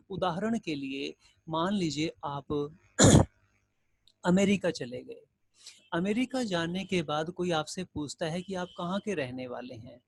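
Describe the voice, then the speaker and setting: Husky male teacher, dry close sound. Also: a little high, no room sound. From India. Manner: explains slowly with everyday examples and questions. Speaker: school Hindi teacher. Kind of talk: recorded grammar lesson.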